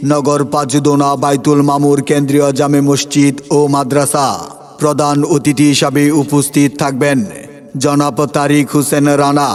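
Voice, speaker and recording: A Bangladeshi man reading a scripted promotional announcement in a formal, declamatory public-announcement manner. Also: fairly high pitch. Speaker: event announcer. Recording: echoey hall reverb over music.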